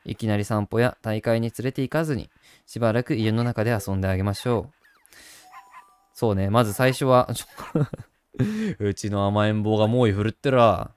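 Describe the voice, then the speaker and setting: A man's voice: fairly low pitch, moderate pace, darkish tone, clear, resonant tone. A man hosting a gaming channel, chatting casually and doting on a virtual puppy while reading the game text aloud.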